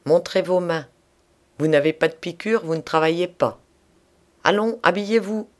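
Brusque bearded police agent, loud orders, raised voice; narrator doing the voice. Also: male voice, sits high, moderate pace, voice pushed up, lightly acted. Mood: commanding. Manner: curt commands.

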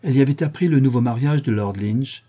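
A man narrating a classic novel as an audiobook in a measured, expressive way. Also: mid-range voice, husky.

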